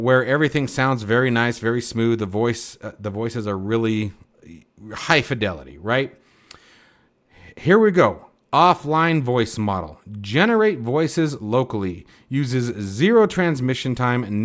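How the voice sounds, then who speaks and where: Emphatic man explaining casually. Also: medium pitch. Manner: emphatic, peppers lines with "okay?". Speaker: flight sim YouTuber.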